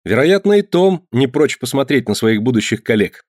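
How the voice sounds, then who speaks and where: A man's voice: mid-range voice, sing-song, normal speed, darkish tone, no echo, clean studio sound. A man reading aloud, voicing a friendly circus man.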